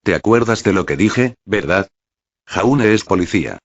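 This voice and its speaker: A man reading as a calm, soothing young woman. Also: deep voice, normal speed. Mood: gentle. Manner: gentle, soothing. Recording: dull, dry lo-fi recording.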